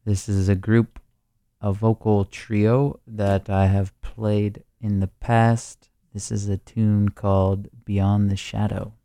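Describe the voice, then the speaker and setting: A man's voice: lowish voice, little pitch movement, slow, warm tone, no echo. A man hosting a music radio show, speaking in a languid, theatrical, poetic manner. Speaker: radio host.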